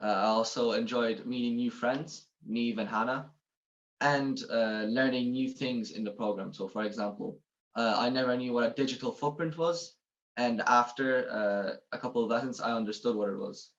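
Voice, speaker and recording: A man's voice: medium pitch, normal speed. Casting: teenage male, west of Ireland accent, youth member giving interview answers, dull recording. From west of Ireland (Galway). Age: teens. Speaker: youth advocacy group member.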